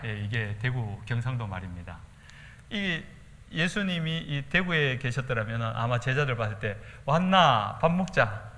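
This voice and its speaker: Daegu pastor guy w/ gyeongsang accent preaching, bright voice, big church reverb. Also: mid-range voice, moderate pace, slight background noise. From Daegu, South Korea. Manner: animated preaching with acted-out quotes. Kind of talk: sermon. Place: church sanctuary.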